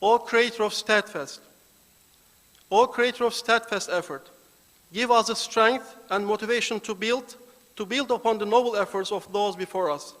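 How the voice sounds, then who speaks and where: A man with a fairly high voice leads a formal prayer, his words solemn and deliberate. The sound rings with the long reverb of a large banquet hall. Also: a bit bright. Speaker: foundation volunteer giving the opening prayer.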